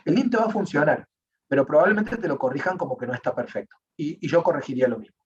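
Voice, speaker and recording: A man's voice: fairly high pitch, expressive, fast talker, a little hiss or hum. Rioplatense man teaching a coding class. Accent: Rioplatense Spanish. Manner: explanatory, checks in with frequent "¿sí?". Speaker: programming teacher. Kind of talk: online class, live coding. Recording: distant, muffled online class audio.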